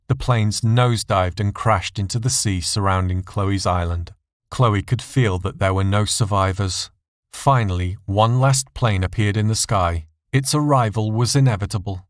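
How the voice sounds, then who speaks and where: Male story narrator, dark scripted fiction, low pitch, close dry sound. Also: moderate pace, no echo.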